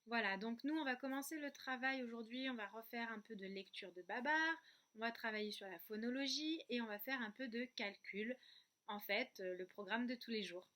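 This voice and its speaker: A woman teaching a remote kindergarten lesson, speaking slowly and clearly and breaking words into syllables. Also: a little high, pushed and bright. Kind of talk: remote lesson for young children. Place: outdoor terrace at night.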